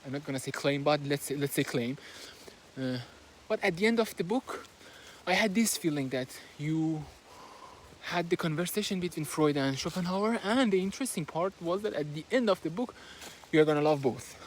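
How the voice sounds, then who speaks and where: A Persian-accented man whose first language is Persian talks casually on an outdoor walk, summarizing a book hesitantly with plenty of fillers and restarts. His fairly high voice has lively intonation and normal speed. This book reviewer records on a simple handheld phone, with slight background noise audible.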